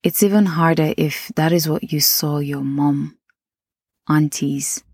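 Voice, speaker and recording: A woman's voice: deep voice, steady tone, slow pace, a little mellow, husky, no echo, studio quality. A woman with a Nigerian accent hosting a podcast, chatting casually and talking straight to her listeners. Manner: chatty, addresses listeners directly. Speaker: podcast host.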